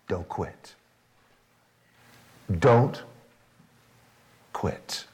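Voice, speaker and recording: A pastor delivers a sermon, moving between quiet, low emphasis and loud, excited passages, and at times he voices a biblical figure in the first person.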